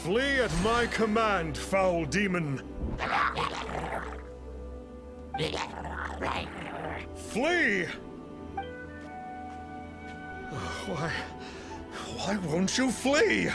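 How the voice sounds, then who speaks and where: A self-important video game exorcist who boasts and flusters easily. The voice is fairly high and creaky, with theatrical swoops and slow, archaic phrasing. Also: male voice, sing-song, exaggerated voice. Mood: commanding, panicked. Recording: game music behind the voice.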